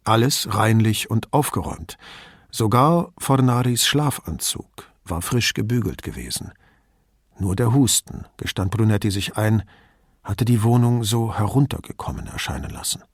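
A man narrating an audiobook in an even, measured reading style. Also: mid-range voice, no room sound, studio quality.

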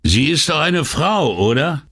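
A man's voice: on the low side, sing-song, measured pace, gravelly, fairly bright tone, pitched above the performer's own voice, heavily acted. A man voicing a boastful, coarse older workman who gossips bluntly and is proud of himself. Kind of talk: audiobook dialogue reading.

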